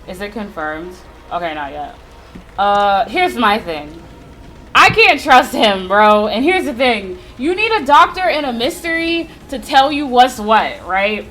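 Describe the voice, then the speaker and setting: A woman's voice: on the high side, expressive, measured pace, a bit bright, slight background noise, low-quality recording. A young adult woman streaming a visual novel, reacting with blunt, profane, slangy exclamations and reading the text aloud.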